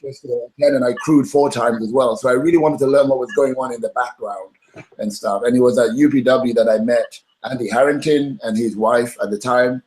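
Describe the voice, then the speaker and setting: A man's voice: mid-range voice, a little fast, rough recording. A middle-aged man speaks as an interview guest in a middle-range voice. He tells his story with energy and animation, and often acts out what other people said to him. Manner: animated, acts out quoted dialogue.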